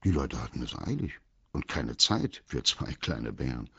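A man reading a children's story aloud as the narrator, in a calm, measured way. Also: extremely low pitch, gravelly, breathy edge, dry recording, lo-fi sound.

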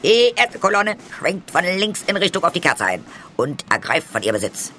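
A man doing a loud bossy rat general. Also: high-pitched, very animated, moderate pace, soft background music, pitched above the performer's own voice, exaggerated voice. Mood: commanding. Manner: loud commanding. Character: bossy male rat general barking orders.

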